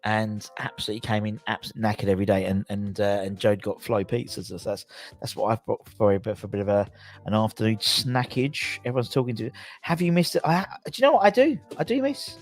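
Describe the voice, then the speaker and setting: A man's voice: on the low side, a little fast, soft background music. A man with a southern English accent hosting a casual football fan livestream, rambling and jokey, often repeating himself as he chats to viewers.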